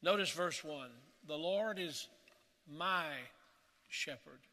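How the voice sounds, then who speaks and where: A pastor with a slightly high voice delivers his sermon into a pulpit mic, earnest and measured, frequently dropping to a hushed softness. The recording sounds like a large room.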